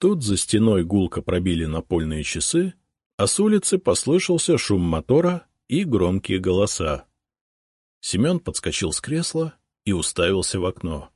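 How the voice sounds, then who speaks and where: A man reads a first-person story aloud in a low, husky voice. His delivery is steady yet varied in pitch, and the recording is dry with no room sound. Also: normal speed, dry recording. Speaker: audiobook narrator. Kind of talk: scripted first-person narration.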